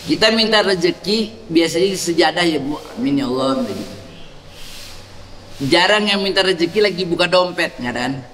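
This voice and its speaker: Preacher in an echoey mosque hall. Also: male voice, a little high, animated, normal speed, a bit bright, a little hiss or hum. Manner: demonstrating prayer gestures, teaching a chant for the congregation to repeat. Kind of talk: mosque sermon. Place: mosque during dawn congregation.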